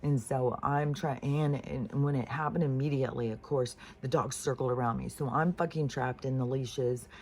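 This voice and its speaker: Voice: medium pitch, steady tone, moderate pace, few pauses, darkish tone. A vlogger telling a story in a casual, profane, rambling way while venting.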